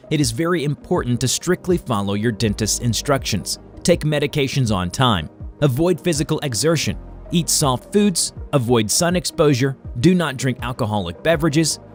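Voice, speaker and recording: A man's voice: medium pitch, lively intonation, normal speed. A man reading a scripted educational medical explainer in a formal, instructional way. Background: music.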